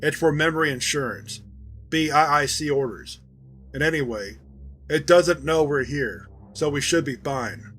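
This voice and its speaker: A man's voice: fairly high pitch, measured pace, fairly bright tone, faint music behind. A man voicing a terse male leader of a covert security team, reading a dramatized audio log with clipped commands.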